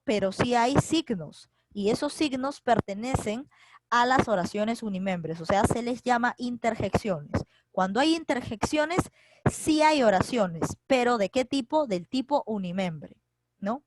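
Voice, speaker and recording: A woman teaching an online grammar class to young students. She explains patiently, repeats key points and checks in with tag questions, and slows down to spell out example sentences. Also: on the high side, background noise. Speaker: secondary school teacher. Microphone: computer mic for a virtual class.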